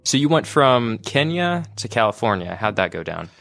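A man's voice: fairly low pitch, sing-song, moderate pace, creaky, a bit bright. A man hosting a podcast interview, reading an upbeat intro and then asking joking questions. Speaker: podcast host.

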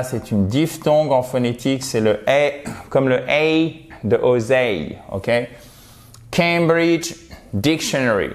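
A man's voice: mid-range voice, darkish tone. A man teaching an online lesson about English pronunciation in a chatty, encouraging way, often checking in with the viewer.

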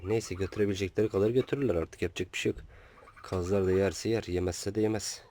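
A lowish, warm, steady voice belongs to a male farm vlogger who talks fast in casual narration. Outdoors at his small backyard farm, he chats with his birds, coaxing and scolding them, and the recording carries audible poultry noise from clucking chickens and roosters.

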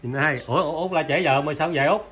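Bright-voiced Mekong Delta man chatting. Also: fairly high pitch, quick pace. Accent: Mekong Delta Vietnamese. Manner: teasing, chatty, laughs often. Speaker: vlog host. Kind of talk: casual chat.

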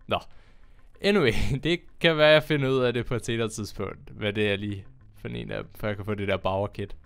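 A young man chatting casually as he plays a game on his channel, excitable and quick to laugh. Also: fairly low pitch, creaky, clear, resonant tone. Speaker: gaming YouTuber. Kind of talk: casual Minecraft commentary.

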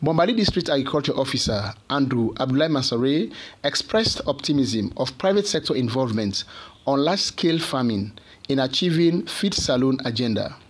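A man reading a scripted television news report as the reporter, in a measured reporter's read. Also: mid-range voice, animated, husky.

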